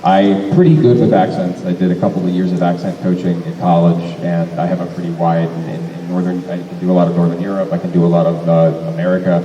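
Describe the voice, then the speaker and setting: Answering fans at a convention Q&A, a young voice actor rambles, keeps correcting himself and laughs often, talking fast with few pauses and little pitch movement. His voice is mellow and slightly low. The lo-fi recording comes from a distant mic in a big, echoey hall with a long tail and faint noise.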